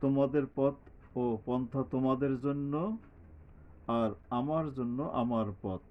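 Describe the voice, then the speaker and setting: A man teaching Quran recitation at a very slow, deliberate pace, his voice sitting in a middle pitch. He chants verses in drawn-out tones before breaking down their pronunciation. The recording sounds dull and lo-fi. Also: steady tone. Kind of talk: Quran recitation lesson with grammar explanation.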